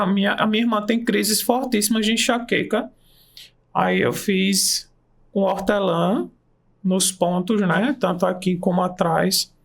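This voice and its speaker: Speaking high and creaky, an aromatherapist and nurse recounts his story eagerly as a guest in a casual interview, letting his tempo shift.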